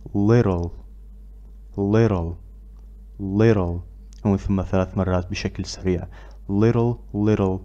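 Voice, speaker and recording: A man teaching English pronunciation, who repeats drill words loudly and pauses with filler sounds between phrases. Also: low-pitched, muffled recording. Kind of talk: pronunciation lesson.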